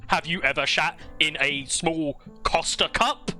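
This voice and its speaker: A man's voice: a little high, a little slow, loud music behind the voice. A man hosting a comedic game lore commentary, rambling and crude, often stumbling over names. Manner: rambling, jokey, crude humor. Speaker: host.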